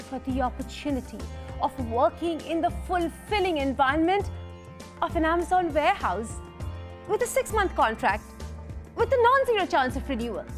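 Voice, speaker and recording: A smug spiritual guide voiced by a woman doles out advice in a high, slow, mock-soothing voice. Faint music plays beneath her. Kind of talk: sketch comedy.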